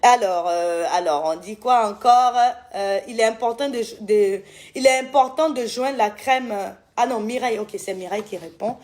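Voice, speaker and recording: A woman's voice: on the high side, moderate pace, darkish tone. Chatty woman with an Ivorian French accent. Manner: chatty, affectionate, calls viewers "my loves"; loses track and corrects herself. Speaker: skincare brand owner answering viewers. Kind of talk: casual live-stream Q&A.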